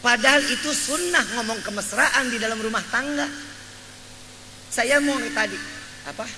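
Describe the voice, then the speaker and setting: A man's voice: very high voice, moderate pace, sharp tone. A man preaching in a mosque, joking and teasing his congregation in slangy talk. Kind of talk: humorous sermon. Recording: echoey mosque hall, faint noise.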